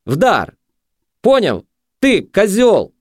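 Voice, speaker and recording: A man voicing a jeering, unhinged young male street junkie who yells taunts. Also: high voice, wildly swooping pitch, drawn-out words, no room sound, studio quality, pitched above the performer's own voice, full character voice. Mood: taunting.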